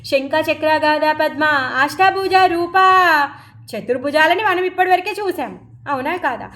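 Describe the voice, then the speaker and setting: A woman teaching a devotional scripture class, explaining the story, asking her listeners questions and chanting verses slowly. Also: high-pitched.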